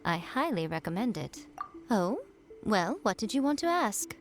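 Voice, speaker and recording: Sly, poised shrine priestess. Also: female voice, medium pitch, sing-song. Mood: coy, welcoming. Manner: poised, playful, unhurried. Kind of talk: video game voice acting. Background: faint game music.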